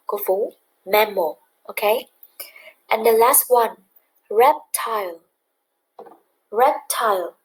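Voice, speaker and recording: A woman's voice: medium pitch, slightly rough, low-quality recording. A woman English teacher patiently explaining a lesson to children, switching between English and another language.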